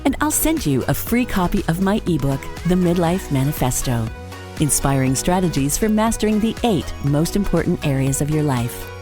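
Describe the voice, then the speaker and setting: A woman's voice: low-pitched, very animated, moderate pace, over music. A woman hosting a podcast, affirming and friendly, with frequent small laughs. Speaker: podcast host. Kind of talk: podcast interview and outro.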